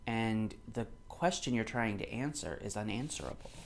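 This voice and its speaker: Slight background noise sits behind this man's lowish, gravelly voice, which is animated and moves at a normal speed. In his thirties, he reads a book aloud and reacts casually, arguing emphatically and repeating himself to press his points.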